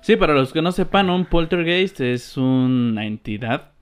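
A man with a Mexican accent, co-hosting a casual chat and chiming in often with quick agreeing interjections. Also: on the high side, animated, clean tone. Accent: Mexican Spanish. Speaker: co-host.

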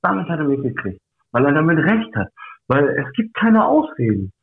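A man chatting as a podcast guest, recounting stories and voicing the people in them. His voice sits a little high. The sound is narrow and tinny, like a phone line. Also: big pitch swings, normal speed. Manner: storytelling, acts out quoted dialogue. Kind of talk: casual chat.

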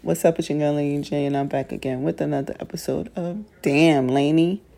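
A woman's voice: low voice, brisk, vocal fry, dark tone. A woman vlogger in a groggy morning voice, talking casually to her viewers and giving her opinions with plenty of ums. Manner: chatty and opinionated, loose with many ums. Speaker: vlogger hosting her own channel. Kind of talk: casual talk to camera.

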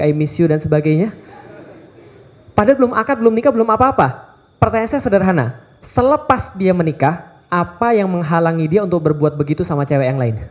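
A man in his thirties preaching to a live audience in a lively, playful way, firing off rhetorical questions. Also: high voice. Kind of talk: lively youth sermon. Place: event hall with live audience.

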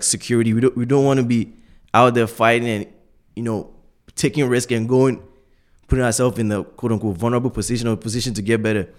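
A man in casual conversation, explaining his view earnestly in slangy, informal language. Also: fairly low pitch.

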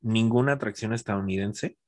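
A man's voice: on the low side, brisk, dry recording, studio quality. A man, chatting casually, opinionated and acting out quotes. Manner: animated, opinionated, acts out quotes. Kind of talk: casual chat.

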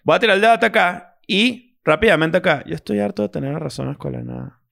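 A man with a Venezuelan accent, co-hosting a casual chat among friends, loud and teasing and swearing freely. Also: high voice, fast talker, vocal fry.

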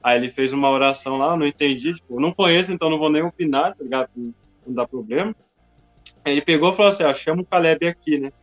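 Telling a story quickly in a slightly high voice, a Brazilian man keeps things casual and stuffs his talk with slang fillers such as "mano" and "tá ligado". Faint music sits under the dull, lo-fi audio.

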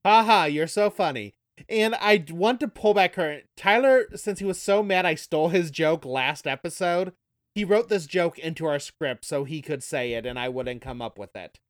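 A man's voice: on the high side, normal speed, dry recording, clean studio sound. A man co-hosting a podcast, eagerly pointing out details and quizzing his partner. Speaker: podcast co-host. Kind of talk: casual podcast chat.

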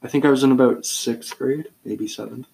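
Gravelly teenage boy, relaxed podcast chat. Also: medium pitch, moderate pace, a little hiss or hum, low-quality recording. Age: teens. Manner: relaxed, rambling, searches for words. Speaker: podcast co-host.

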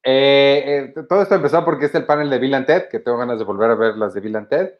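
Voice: medium pitch, fast talker. Podcast host, opinionated, reading viewer questions, muffled lo-fi sound. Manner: opinionated, runs the listener questions. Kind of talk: casual chat.

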